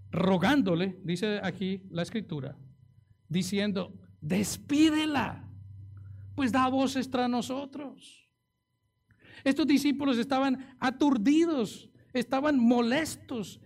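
Man, sermon, high voice, gravelly edge, dramatic delivery, rhetorical questions. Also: darkish tone. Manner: dramatic, acts out quoted pleas, rhetorical questions. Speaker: preacher.

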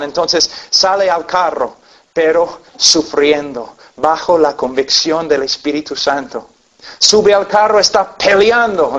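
A man's voice: a little high, a bit bright. Man preaching an earnest sermon. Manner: earnest storytelling with acted-out voices. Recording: dull lo-fi recording.

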